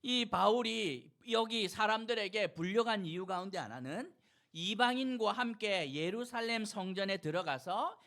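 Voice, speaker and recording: A male pastor preaching a sermon, retelling a scene with animated, everyday storytelling. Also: high voice, normal speed.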